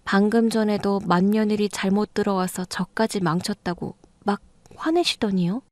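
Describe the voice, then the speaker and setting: A woman's voice: medium pitch, moderate pace, darkish tone, no echo, close to an everyday voice. A woman voicing a younger daughter-in-law in an audio drama, pressing and reproachful. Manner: insistent, reproachful. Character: younger second daughter-in-law, blunt and accusing.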